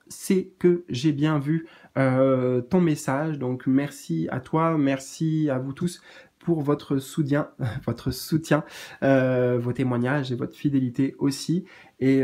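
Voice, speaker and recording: Gentle, hesitant man reading cards. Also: fairly high pitch. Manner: gentle and reassuring, hesitant with many fillers. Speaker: spiritual card reader. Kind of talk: casual spoken card reading.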